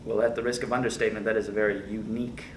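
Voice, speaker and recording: A man's voice: lowish voice, flat delivery, very fast. A man playing a mock-formal, over-polite interviewer in a comic sketch. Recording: distant mic with faint hiss.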